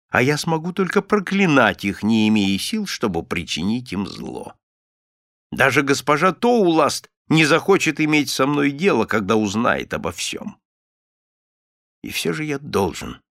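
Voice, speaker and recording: A grasping old miser with a croaking, gravelly voice, as a male reader puts him on. He swings between sulking lows and sharp, raised outbursts, full of bitterness and spite. Heard dry and close, like a storybook recording. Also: no echo, heavily acted.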